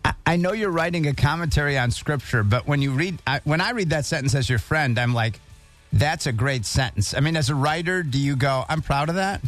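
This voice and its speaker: A male radio host with a somewhat high voice, chatty and joking. He reads passages aloud and keeps breaking in with asides. Faint music plays under the broadcast. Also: brisk, a bit bright. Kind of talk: casual radio chat.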